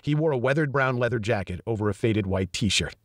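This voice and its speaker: A man reading a first-person thriller audiobook in an even, measured storytelling manner. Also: mid-range voice, dry recording, clean studio sound. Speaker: audiobook narrator.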